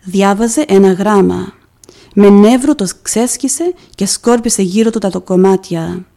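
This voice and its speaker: A woman presents a devotional program in scripted narration. She reads in a measured, solemn way, pausing for emphasis. Her voice is mellow and warm, at a middling pitch. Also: vocal fry. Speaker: podcast presenter.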